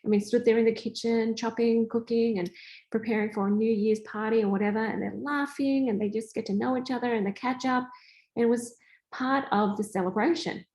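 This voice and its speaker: In poor audio, an Australian spiritual coach hosts a chatty, casual teaching session, performing family conversations in animated voices. She speaks briskly with a fairly high pitch.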